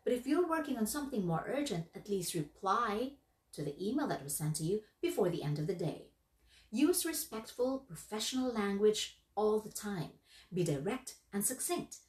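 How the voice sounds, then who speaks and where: A woman giving instructional narration on workplace skills in a lively, emphatic, instructive way. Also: mid-range voice, moderate pace. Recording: echoey room, voice from far off.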